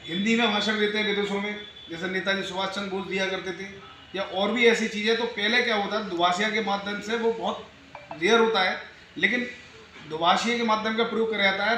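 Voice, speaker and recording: A man's voice: high-pitched, fairly even intonation, brisk, pushed and bright. A man answering interview questions about journalism in an earnest, explanatory, lecturing way, recorded in an echoey room with background noise. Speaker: speaker on journalism.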